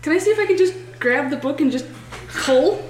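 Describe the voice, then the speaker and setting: A woman's voice: sits high, animated, a little fast. A woman playing a tabletop role-playing game, chatting casually and playfully at the table. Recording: echoey room with faint music.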